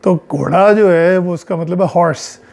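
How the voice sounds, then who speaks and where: A man with a Pakistani Punjabi accent, a psychologist giving an explanatory lecture, talking in a measured way, working through examples and mixing in English phrases. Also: high-pitched, vocal fry, a little mellow. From central Punjab, Pakistan.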